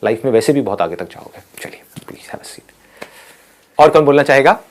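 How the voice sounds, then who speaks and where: A man leading a live motivational session for students, animated and playful, often asking the audience questions. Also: medium pitch, moderate pace. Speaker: motivational speaker.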